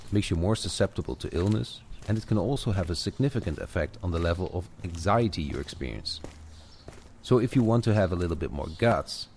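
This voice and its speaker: Conversational guided coaching for one listener comes from a low-voiced man with a darkish tone, leading a walking audio session. Clear background noise of added footsteps, garden birds and ambience evokes an outdoor walk.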